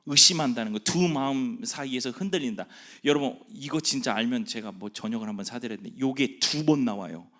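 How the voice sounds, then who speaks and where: A middle-aged male pastor preaching a sermon in a church hall. He asks loud emphatic questions, drops into quiet asides, and acts out the voices of nagging mothers and worldly critics. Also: mid-range voice, brisk, hardly any pauses.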